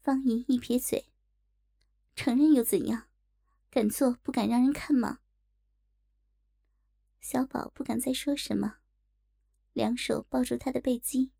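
A woman reads a story aloud at a steady, measured pace. Her voice is mellow and warm, pitched somewhat high. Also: gravelly. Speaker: audiobook narrator. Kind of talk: storybook narration.

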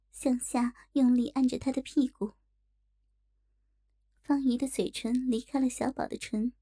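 Mellow woman reading a story aloud. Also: sits high. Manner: steady, measured reading. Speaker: audiobook narrator. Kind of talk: storybook narration.

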